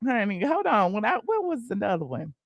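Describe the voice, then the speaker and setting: A sassy woman with an Atlanta accent hosts a casual live stream, rambling through asides and fillers. Her voice sits at a middle pitch and sounds dry and close, with no room around it. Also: sing-song, fairly quick, gravelly, no room sound. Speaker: host.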